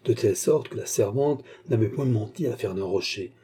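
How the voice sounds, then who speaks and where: A man reading a classic novel aloud as an audiobook narrator, in a measured, even way. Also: lowish voice, husky.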